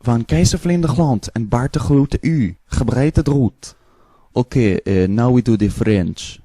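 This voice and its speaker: Mellow man speaking fake foreign-language gibberish. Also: medium pitch, measured pace, breathy edge, no echo. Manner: nonsense words in changing mimicked accents.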